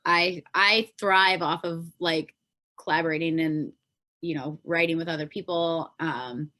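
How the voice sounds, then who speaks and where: This Canadian-accented pop singer-songwriter, a podcast guest, has a low-sitting voice with a steady, bright, forceful tone and an unhurried pace. In this casual interview chat she rambles informally and frequently lets her sentences trail off.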